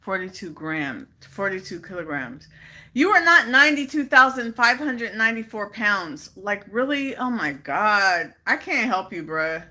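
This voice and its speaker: A woman's voice: medium pitch, lively intonation, normal speed, sharp tone. A woman hosting a casual live stream, chatting with viewers and growing exasperated as she repeats her questions. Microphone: phone.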